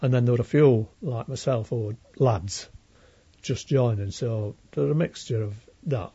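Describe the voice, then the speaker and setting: This retired railway worker from Leeds, around eighty, tells old stories in a Yorkshire accent during a plain-spoken, unscripted oral history interview. He speaks at a normal pace with a warm, medium-pitched, slightly rough voice, captured in a dry, dull lo-fi recording.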